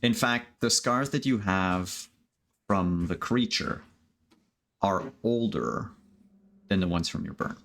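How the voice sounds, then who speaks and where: Slow, low-voiced man running a game. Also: gravelly, fairly bright tone, a little hiss or hum. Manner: halting, thinking aloud. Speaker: game master. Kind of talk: tabletop role-play narration.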